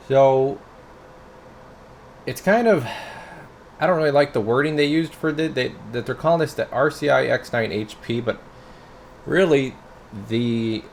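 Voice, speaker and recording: Speaking at a medium pitch over a little hiss or hum, this man demos a product hands-on, talking loosely and informally to his viewers as "guys." He repairs radios and reviews products.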